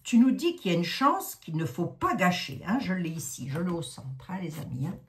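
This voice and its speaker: Reading oracle cards casually, this psychic from Lorraine, France, in her sixties, speaks with a Lorraine French accent and drifts chattily into asides and fillers. She talks at a moderate pace in a fairly low voice with big pitch swings.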